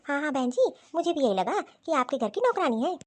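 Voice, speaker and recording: A woman's voice: high voice, very animated, brisk. Woman doing a polite visiting aunt.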